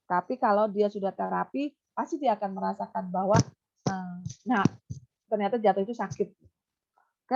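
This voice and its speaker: A woman consultant and behaviour therapist giving an animated webinar talk, now and then putting on a high coaxing voice to show how to talk to a child. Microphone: webinar computer mic. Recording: muffled online webinar audio.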